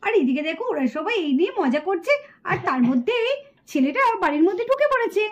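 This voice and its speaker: A woman's voice: very high-pitched, big pitch swings, quick pace, muffled recording. A woman narrating a puppet cartoon in a plain storytelling manner.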